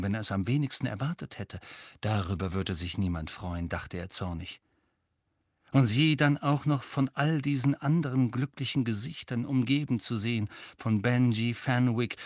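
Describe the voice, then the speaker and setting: A man reading a story aloud in measured, dramatic audiobook narration. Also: mid-range voice, no echo, studio quality.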